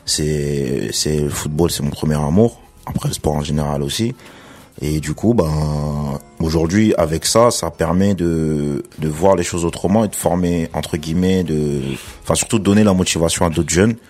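A man speaking as a radio show guest, relaxed and often repeating and restarting his phrases. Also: very deep voice, moderate pace. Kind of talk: radio interview.

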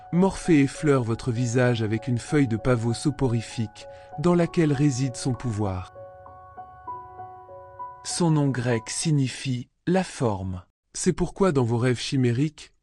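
A man narrating a scripted radio story in a soft, intimate manner, addressing the listener directly. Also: mid-range voice.

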